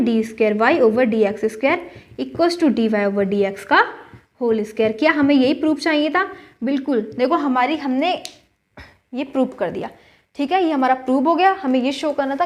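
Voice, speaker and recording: A woman math teacher, patiently explaining a solution step by step and often checking that students follow. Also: high voice.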